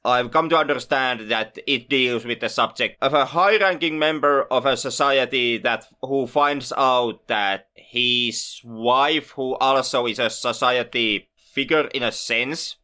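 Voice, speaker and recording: Bright, crisp-voiced podcast co-host man. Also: mid-range voice, measured pace, hardly any pauses. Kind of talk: casual film podcast chat.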